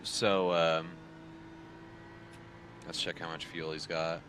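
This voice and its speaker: A man in his thirties with a low, deep voice talks casually to his stream viewers from his home racing rig. His tone is bright and forward, and he rambles through the story with plenty of fillers and dry sarcasm. A faint hum sits behind him. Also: level tone, slow. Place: home sim racing setup.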